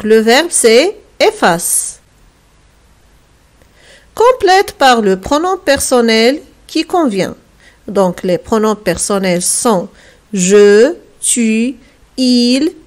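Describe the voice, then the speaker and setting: A woman with a Moroccan accent teaching a French grammar lesson to young pupils, spelling words out slowly and carefully, letter by letter. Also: fairly high pitch. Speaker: primary school French teacher. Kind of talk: recorded remote French lesson.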